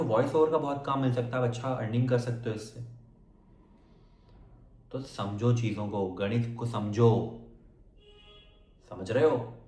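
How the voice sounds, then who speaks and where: A man's voice: lowish voice, a little mellow. A male acting coach giving a casual motivational lesson, talking directly to viewers and often checking that they are following. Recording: echoey room.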